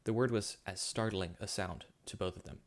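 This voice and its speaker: A man's voice: fairly low pitch, steady tone, normal speed. A man reading his own science fiction story aloud, with occasional slips and self-corrections. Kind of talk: story narration.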